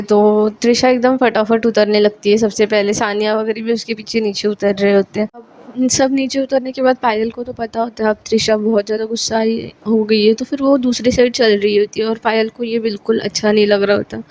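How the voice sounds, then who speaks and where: Woman narrating a story, high voice. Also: darkish tone. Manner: chatty, conversational, repeats itself.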